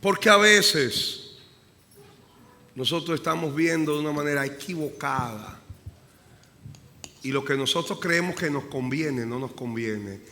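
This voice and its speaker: A male pastor preaching a sermon with passion. He swings from hushed prayer to loud emphasis and repeats phrases to drive them home. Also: medium pitch, moderate pace. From Dominican Republic. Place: church sanctuary. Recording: live church recording with long reverb and faint room noise.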